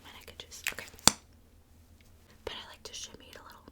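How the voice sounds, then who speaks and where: Woman whispering chatty ASMR makeup talk. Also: a little fast. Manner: soft chatty whisper with filler likes. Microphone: close camera mic, handheld filming.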